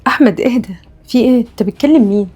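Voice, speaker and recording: A woman playing a calm Egyptian doctor. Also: fairly high pitch, quick pace, breathy edge. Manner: calm, soothing, professional. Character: calm female psychiatrist. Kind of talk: web drama acting.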